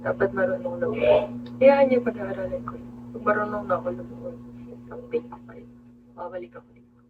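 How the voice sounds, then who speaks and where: Woman streamer, chatty animated storyteller, phone-like sound with a steady hum. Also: mid-range voice, brisk. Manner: animated storytelling, greets viewers mid-story. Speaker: livestream host. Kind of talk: casual storytelling livestream. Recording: tinny phone-like audio with hum.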